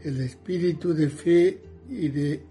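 A man leading recited liturgical morning prayer in a solemn, measured way, as a prayer leader. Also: fairly high pitch. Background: soft music.

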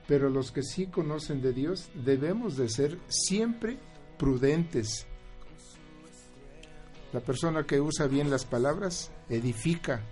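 A man's voice: a little high, warm tone. A man on a faith talk panel who quotes Bible verses and makes firm, preacher-like statements. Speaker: panelist quoting scripture. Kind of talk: preaching-style commentary.

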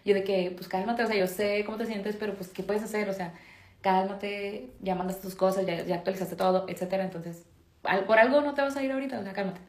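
This podcast co-host, a woman with a Mexican accent, chats casually and wanders through her stories, packing in fillers. Her mid-range voice is steady in tone and brisk. The recording has roomy echo.

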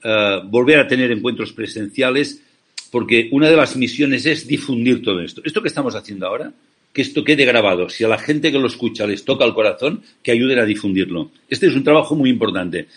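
A man's voice: mid-range voice, lively intonation, fairly quick, a bit bright, slightly rough. A man from Spain, an ethical banking founder, giving passionate, persuasive interview answers over a remote call, often asking rhetorical questions.

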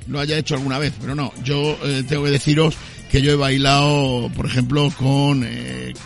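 Gravelly guy hosting a goofy talk show outside, keeps joking around, music playing. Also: medium pitch, level tone, moderate pace. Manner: joking, rambling, self-interrupting. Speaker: host. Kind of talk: playful radio-style talk show hosting. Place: outdoor terrace.

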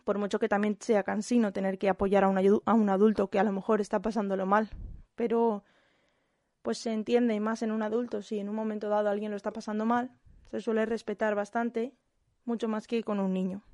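A young woman from Spain with a Spanish accent, a kindergarten teacher giving a calm, reflective monologue with frequent hesitant restarts. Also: mid-range voice, fairly quick, no echo, studio quality.

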